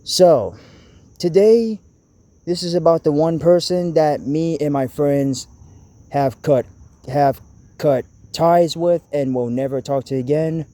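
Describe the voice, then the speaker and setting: Young guy ranting into his camera, slow and stumbly, keeps restarting, mellow kinda high voice. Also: no echo. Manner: halting, stuttering, restarts sentences. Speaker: channel host. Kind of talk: casual vlog rant to camera. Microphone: camera mic.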